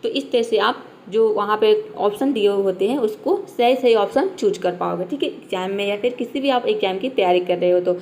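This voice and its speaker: With a medium-pitched, darkish voice, a young woman speaks fairly quickly and with few pauses, giving a classroom-style English lesson in Hindi in her Hindi accent. She stays patient, says "ठीक है" again and again, and checks in by asking and answering her own questions. Some slight background noise is present.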